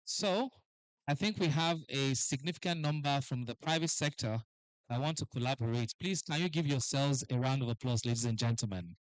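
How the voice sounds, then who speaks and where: A man hosting a live event as master of ceremonies, lively and forever calling for applause. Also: medium pitch, normal speed, no room sound, poor audio. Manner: lively, keeps urging the crowd to applaud.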